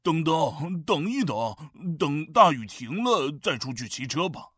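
Woman voicing a cheerful storybook dad, deepened voice, lively pitch, dry. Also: unhurried, slightly rough, no echo, exaggerated voice. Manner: deep put-on voice, cheerful. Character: jolly father bear, calm and encouraging.

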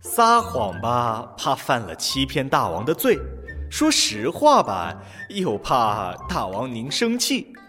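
A man voicing a calm, witty court envoy. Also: on the high side, in a large hall, soft background music, voice pushed up. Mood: feigned reluctance. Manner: calm, measured, drawn-out pauses. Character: short, witty, unflappable ancient court envoy. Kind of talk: children's story audio drama.

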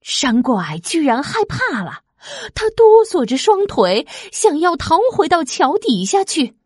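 A woman reading a children's storybook aloud, expressive and lively. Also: sits high, dry recording, studio quality. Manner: slow, lively, expressive, sound effects.

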